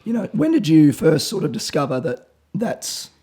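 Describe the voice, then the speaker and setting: A man with a hoarse, raspy voice hosts a casual podcast chat. His tone is dark and mellow, but his pitch jumps around a lot as he jokes with his guest. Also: big pitch swings, moderate pace. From Australia. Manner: jokey, chatty interviewer. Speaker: podcast host.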